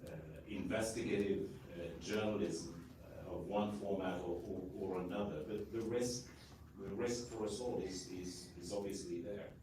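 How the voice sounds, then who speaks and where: Low, mellow man, halting. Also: fairly even intonation, distant mic, slight background noise. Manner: halting, many repeats and fillers. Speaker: panelist. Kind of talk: panel discussion. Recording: echoey hall audio from afar.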